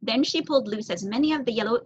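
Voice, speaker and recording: A young woman reading a children's story aloud, expressive and with varied emphasis. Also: on the high side, fast, a little hiss or hum. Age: young adult. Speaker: reader. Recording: dull lo-fi recording.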